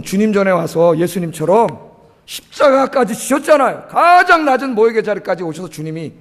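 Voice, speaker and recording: A middle-aged man preaches from the pulpit with a voice pitched well above most men. He presses his points hard and keeps throwing questions back at the congregation. The sound carries a long church-hall reverb. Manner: emphatic, keeps asking the congregation rhetorical questions and prompting "eh?". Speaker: pastor. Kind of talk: sermon. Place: church sanctuary.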